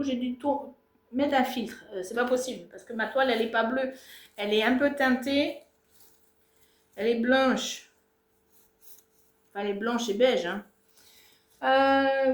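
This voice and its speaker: A woman's voice: fairly high pitch, darkish tone, echoey room. A woman presenting her cross-stitch projects in a casual, self-mocking home vlog, full of fillers and asides, filmed on a tripod. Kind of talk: casual show-and-tell vlog. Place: home, filming herself on a tripod. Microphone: tablet or camera on a tripod.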